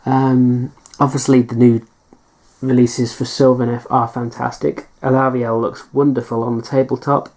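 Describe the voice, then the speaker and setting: A woman's voice: extremely low pitch, level tone, moderate pace, warm tone. A woman chatting casually as a hobby vlogger, answering viewer questions in a hesitant, self-deprecating way. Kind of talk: casual Q&A chat.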